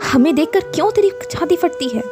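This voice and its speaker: A woman voicing a fierce, proud village wife who scolds in a shrill, tearful voice. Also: expressive, a little fast, music in the background. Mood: angry scolding.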